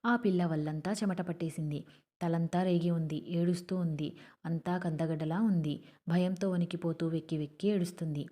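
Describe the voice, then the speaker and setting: Low, mellow woman narrating a novel. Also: fairly even intonation. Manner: measured storytelling. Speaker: audiobook narrator.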